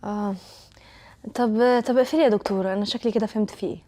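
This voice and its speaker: An actress playing a young wife with an Egyptian accent, soothing and placating in a comedy series. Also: female voice, mid-range voice, fairly even intonation, quick pace, mellow, lightly acted. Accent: Egyptian Arabic. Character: young wife, anxious and eager to please.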